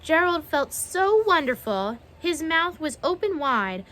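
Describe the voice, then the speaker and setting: A young adult woman reading a children's picture book aloud, expressive and pausing to ask the listener questions. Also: high-pitched. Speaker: children's story reader.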